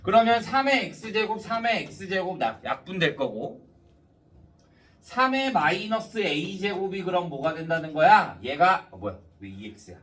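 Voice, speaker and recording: A man's voice: sits high, sing-song, takes it slowly, fairly bright tone, distant mic. A man teaching math step by step with rhetorical questions, his diction slightly slurred and lisping, as if numb-mouthed after having a tooth pulled. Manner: didactic, checks understanding often.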